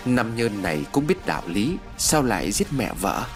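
A man's voice: fairly low pitch, big pitch swings, moderate pace, faint music behind. A man voicing the vengeful ghost of a young man in an audiobook story, in a mocking, sneering manner. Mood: cold.

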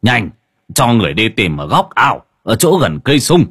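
A man's voice: low-pitched, big pitch swings, normal speed, sharp tone, breathy edge, no room sound, clean studio sound, full character voice. A man doing a stern old village shaman. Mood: commanding. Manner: grave, commanding pronouncements.

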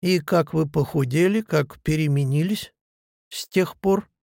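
A man's voice: a little high, unhurried, creaky, a little mellow, no echo, clean studio sound. A man reading the lines of a smug young officer who talks down with patronizing, mock sympathy. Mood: condescending.

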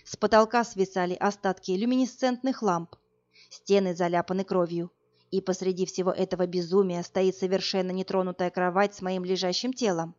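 A woman narrating a fantasy novel in an even, measured storytelling voice. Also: on the low side, dull audio. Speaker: audiobook reader.

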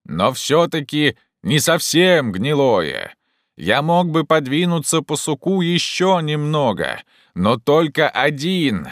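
A man voicing a simple, cautious male servant who calls out in a slow, drawn-out way. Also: medium pitch, big pitch swings, pushed and bright, dry recording, studio quality, pitched above the performer's own voice, exaggerated voice. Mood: calling out.

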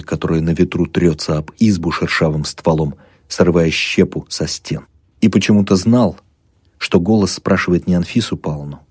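Male audiobook narrator: low, husky, very expressive, dry close recording. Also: dry recording. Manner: expressive, dramatic. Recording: close dry recording, soft music underneath.

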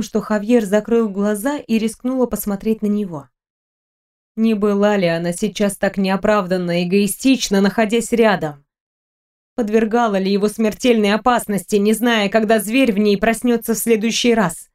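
A woman reading a romantic fantasy audiobook in a measured, gentle storytelling manner. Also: mid-range voice. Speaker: audiobook narrator. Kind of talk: scripted narration.

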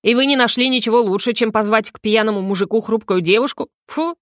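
A woman's voice: a little high, fast, no room sound, close to an everyday voice. Woman reading a grumpy male hedgehog, snorting, grumbling, audiobook, dry close sound. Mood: indignant.

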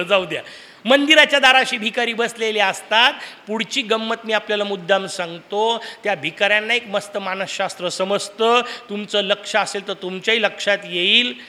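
High bright guy preaching, lots of questions to the crowd, big echoey hall. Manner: lively storytelling with rhetorical questions to the audience. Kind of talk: devotional discourse. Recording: long hall reverb.

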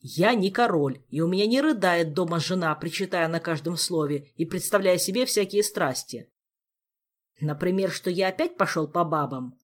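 A man reading an audiobook, voicing a gruff, hot-tempered nobleman who scolds loudly. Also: sits high, normal speed. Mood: scornful. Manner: loud, growling scolding.

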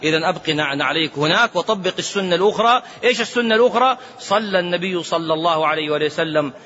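High, bright-voiced man giving a lively religious talk. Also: racing. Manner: lively, swings between raised and hushed tones, chants recitations. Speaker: sheikh giving religious rulings. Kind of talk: religious lecture. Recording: dull lo-fi recording with faint noise.

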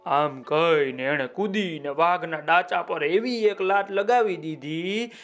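Slow, playful male storyteller. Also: on the high side, faint music behind. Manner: playful, expressive, unhurried. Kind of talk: children's story narration.

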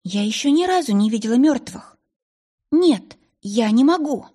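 Woman doing teary young lady, high and pleading, kinda husky. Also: expressive, moderate pace, dark tone. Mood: distressed. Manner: emotional, pleading. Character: young gentle well-bred woman, tearful.

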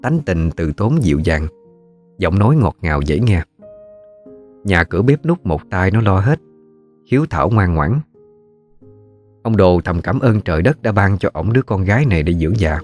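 A man with a Southern Vietnamese accent narrating a ghost story in a steady, folksy way. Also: sits low, moderate pace, pauses often, soft background music.

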